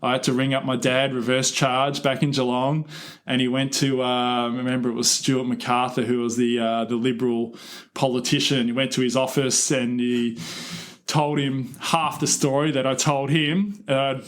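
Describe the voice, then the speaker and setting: A man's voice: medium pitch, flat delivery, normal speed. An Australian man, a podcast co-host, telling a travel story in casual chat, swearing freely.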